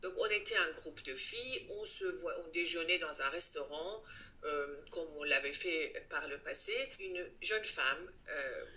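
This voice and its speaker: A woman, speaking earnestly in an interview and pausing now and then to find her words. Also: low voice, sharp tone. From Iran. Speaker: guest, head of a child-protection association. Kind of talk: interview answers.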